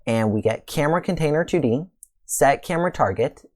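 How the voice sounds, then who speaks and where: A man's voice: a little high, brisk. A man hosting a screen-recorded coding tutorial, talking casually through each step, his voice a little worn. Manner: casual, relaxed walkthrough with fillers and pleased exclamations. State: slightly losing his voice. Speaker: tutorial host.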